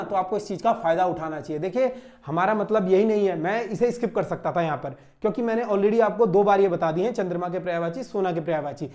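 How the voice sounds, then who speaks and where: A young male teacher a raised, fairly high pitch walks students through exam questions at a board. He drills each point by asking a rhetorical question and answering it himself, over and over. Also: a little mellow. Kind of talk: classroom exam-solution lecture. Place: classroom standing at a board.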